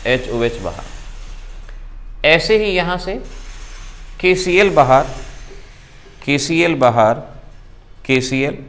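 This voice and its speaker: Indian guy teaching chemistry, brisk and emphatic, walks through each step. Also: mid-range voice. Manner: brisk, emphatic, explains reaction steps aloud. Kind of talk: exam-prep lecture.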